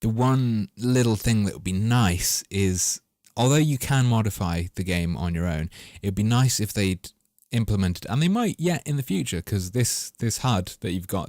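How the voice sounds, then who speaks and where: A man's voice: on the low side, darkish tone, dry recording, clean studio sound. A man chatting casually and wryly over his gameplay footage, rambling and swearing as he goes. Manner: rambling, wry and profane. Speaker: gaming commentator.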